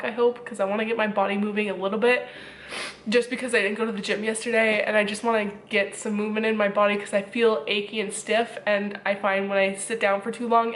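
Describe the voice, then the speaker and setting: A young woman vlogs from her home kitchen, rambling casually to the camera while her nose is stuffy and congested from a cold and she's a bit short of breath. Her voice is mid-range, with slight background noise.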